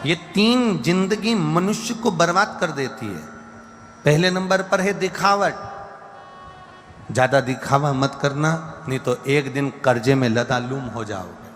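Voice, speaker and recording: Slow Indian preacher in a reverberant hall. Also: male voice, on the high side, lively intonation, a bit bright. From central India. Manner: slow, repetitive preaching with lists and mimicked everyday talk. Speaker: religious storyteller. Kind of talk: devotional sermon with sung verses. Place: large live gathering hall. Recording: long hall reverb with faint music.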